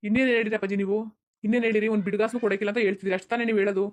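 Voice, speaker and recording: A headstrong young son in a village cartoon, voiced by a woman, arguing back hard. He speaks very fast, in a mid-pitched voice. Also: fairly even intonation, close to an everyday voice. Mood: defiant. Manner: argumentative, insistent. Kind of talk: cartoon dubbing.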